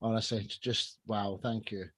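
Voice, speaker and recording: A man hosting a podcast, praising guests effusively and trailing off softly. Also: fairly low pitch, level tone, moderate pace, slightly rough, no echo. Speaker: podcast host.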